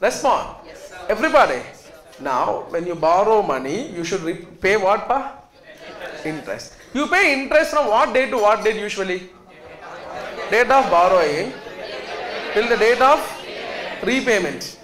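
A South Indian man lectures in a fairly high voice, hammering points home by repetition and quizzing his students. The room is echoey, with a class faintly audible around him. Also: sing-song, a little slow, pauses often, fairly bright tone, a faint crowd. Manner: emphatic, repetitive, questions students often. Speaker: accountancy lecturer.

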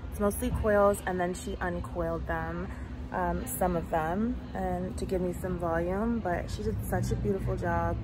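A woman's voice: on the low side, background noise. A young woman in her twenties talking casually to camera for a beauty vlog, chatty and drowsy, recorded close on a phone at home. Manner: chatty, tired and drowsy, with sighs and drawn-out words. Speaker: beauty vlogger. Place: bedroom at home, indoors. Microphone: phone or camera held close.

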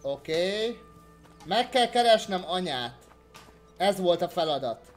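Playful gamer man, slightly high voice, joking live commentary with faint game music under it. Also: animated. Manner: playful, talks to game characters, sudden loud exclamations. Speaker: let's play gamer. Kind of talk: let's play commentary.

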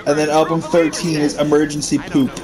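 A man's voice: on the high side, monotone, a little fast. A young man chatting and joking while playing a video game together with a friend, reeling off silly lists. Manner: goofy, jokey, rattles off silly lists. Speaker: gamer. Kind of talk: casual co-op gaming chat. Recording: noisy home gameplay recording.

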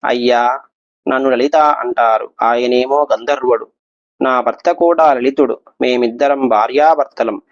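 A man's voice: mid-range voice, unhurried, no room sound, lightly acted. A man voicing a pleading celestial wife. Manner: imploring, humble. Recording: dull lo-fi recording.

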